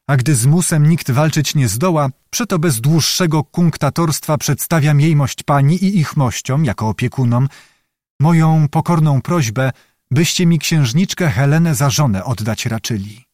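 A man's voice: fairly high pitch, moderate pace, a little mellow, no echo, studio quality, close to an everyday voice. Man playing a stern proud noble officer. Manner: stern, commanding, unshaken.

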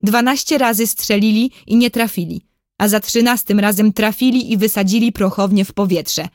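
A woman's voice: medium pitch, steady tone, normal speed, darkish tone, dry recording, studio quality, lightly acted. A woman reading a storybook, voicing an angry, scornful male enemy army officer who sneers harshly.

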